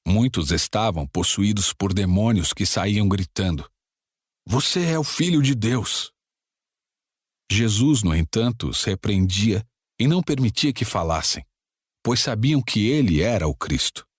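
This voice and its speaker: Male scripture reader, low pitch, breathy, dry booth. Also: lively intonation, normal speed, no echo. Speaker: Bible narrator.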